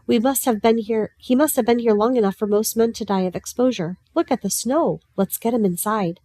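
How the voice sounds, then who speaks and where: A woman's voice: on the high side, brisk, dark tone, no echo, natural voice. Woman reading a kindly village vicar, hearty and reassuring, dry close sound. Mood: urgent.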